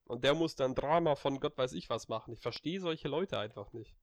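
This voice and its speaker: A man chatting casually with a friend, telling an anecdote in an animated, blunt way full of slang. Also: medium pitch, fairly quick.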